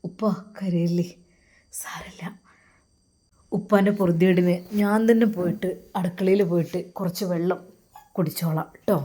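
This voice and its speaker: Woman voicing a gentle young man, lowered quiet voice, polite. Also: steady tone, a little fast, natural voice. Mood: comforting.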